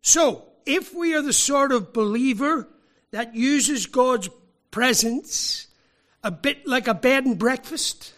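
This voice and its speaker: High, slow preacher. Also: male voice, a bit bright. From Northern Ireland. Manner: emphatic, rhetorical questions, deliberate pauses. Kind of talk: sermon.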